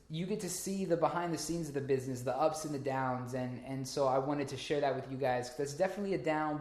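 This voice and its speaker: Man vlogging casually in a roomy space. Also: fairly high pitch. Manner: rambling, many fillers and restarts. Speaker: vlogger and small business owner. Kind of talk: casual vlog talk to camera. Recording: roomy echo.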